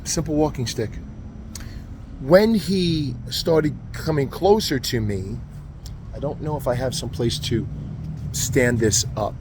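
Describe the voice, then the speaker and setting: Martial arts teacher guy, mid-pitch, earnest, lots of ums, faint station hum and trains behind him. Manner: earnest, halting, with many ums and uhs. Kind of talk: casual storytelling to camera.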